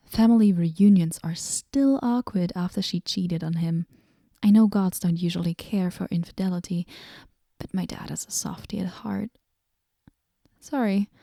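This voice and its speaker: A woman's voice: medium pitch, creaky, no echo, studio quality. Woman doing a moody, sardonic goddess in whispered role-play. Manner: sarcastic, deadpan, shifting into soft whispers.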